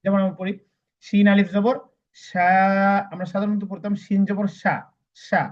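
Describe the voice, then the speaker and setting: High-voiced man drilling letter by letter. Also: level tone, a little mellow, lo-fi sound. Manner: slow letter-by-letter drilling, repeating each word. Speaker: Quran reading teacher. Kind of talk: spelling-out recitation lesson.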